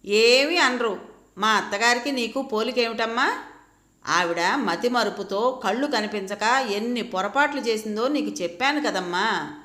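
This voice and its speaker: A woman voicing a hot-tempered grown daughter who talks in a rapid, indignant way, in an echoey room. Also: a little high, sharp tone.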